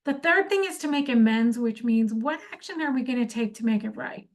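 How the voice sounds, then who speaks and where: A woman's voice: on the high side, lively intonation, fairly quick. A woman giving an informal instructional talk on workplace conflict, conversational, with many fillers and restarts. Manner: acts out sample apologies in quoted speech.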